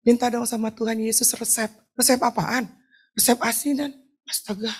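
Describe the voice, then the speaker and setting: Indonesian lady pastor, middle-aged, lively preachy church talk, acts out voices, kinda high pitched. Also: moderate pace, husky. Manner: chatty, joking, asks the crowd for replies. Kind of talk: lively sermon with personal testimony. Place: church hall.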